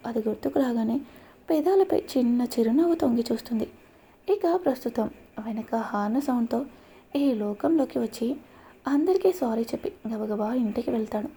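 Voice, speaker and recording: A woman narrating a scripted love story in a steady, dramatic way. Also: fairly high pitch, vocal fry, breathy edge.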